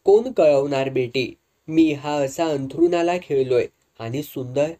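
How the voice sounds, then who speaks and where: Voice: medium pitch, measured pace, warm tone, natural voice. A storyteller voicing a bedridden, ailing old man who is sarcastic and bitter. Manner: sarcastic, scolding.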